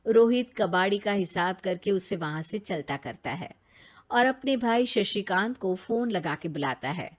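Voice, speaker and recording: A woman's voice: medium pitch, expressive, a little slow. A woman narrating a scripted cartoon story for children.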